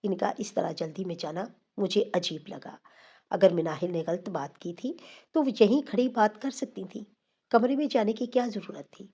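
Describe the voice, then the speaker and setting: A woman storyteller reading an emotional story aloud in a steady, scripted narration. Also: medium pitch, slightly rough, muffled recording.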